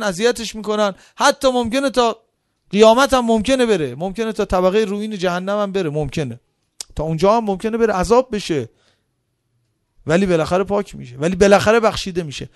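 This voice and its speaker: Male preacher with a high voice, pressing his point with rhetorical questions and sudden low, soft asides. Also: clean tone, dry recording, studio quality. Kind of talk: sermon.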